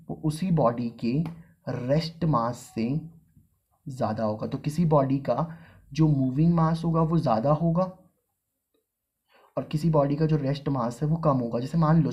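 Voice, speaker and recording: A male teacher gives a relaxed classroom physics lesson. He slips English terms into his Hindi and slows right down to repeat key phrases for students to write. The audio is a bit dull and lo-fi, his voice sitting at an ordinary middle pitch. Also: breathy edge. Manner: casual, repeats key phrases slowly for dictation.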